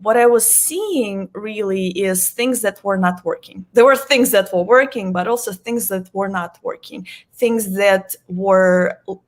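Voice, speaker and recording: Earnest woman. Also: medium pitch. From Russia. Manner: earnest, explanatory, with light laughs. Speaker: guest, workplace psychologist. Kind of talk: online interview.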